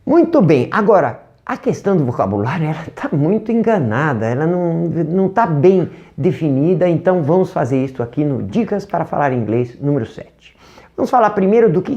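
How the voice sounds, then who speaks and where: Teaching English online with a Brazilian Portuguese accent, this speaker is animated, asking rhetorical questions and modeling sounds. The pitch is medium, and the recording's highs are cut off.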